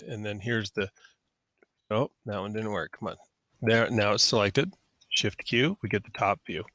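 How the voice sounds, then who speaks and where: Bright, casual male software tutor. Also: fairly low pitch, no echo, studio quality. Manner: casual, talks through each click, self-correcting. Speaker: software instructor. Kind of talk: screen-recorded tutorial.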